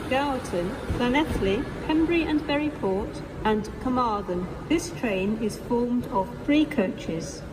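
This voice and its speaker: A woman making formal, measured pre-recorded public announcements in the manner of an airport or railway station announcer. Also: a little high. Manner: measured, formal, item-by-item listing. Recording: noisy station PA with vehicle ambience. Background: train station ambience, vehicles.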